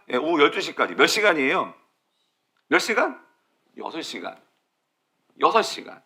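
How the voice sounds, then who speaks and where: Lively, bright-voiced male pastor preaching. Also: high voice. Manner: asks the congregation questions and answers them himself; emphatic, repeats key words. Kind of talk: sermon. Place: church sanctuary.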